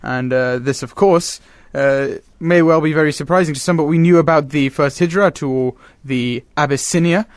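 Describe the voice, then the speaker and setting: Radio host: a man with a slightly high voice, measured recaps, dry studio sound. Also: dry recording. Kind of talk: radio discussion.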